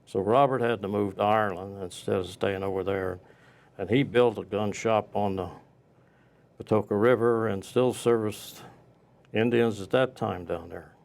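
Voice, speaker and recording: A man appears as a guest local historian in an interview, recounting the past off the cuff and haltingly, pausing mid-sentence. His voice is fairly low and a little mellow, with a steady, creaky tone.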